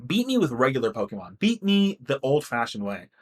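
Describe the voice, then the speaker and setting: Man, young adult, podcast co-host, animated delivery, rambling, cursing. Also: mid-range voice, brisk. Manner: animated, swears freely, rambling. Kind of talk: casual chat.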